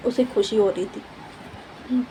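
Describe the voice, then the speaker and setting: A woman's voice: mid-range voice, normal speed, mellow, slight background noise, rough recording. A woman casually narrating a love story, chatty and repetitive, mixing in English words and fillers.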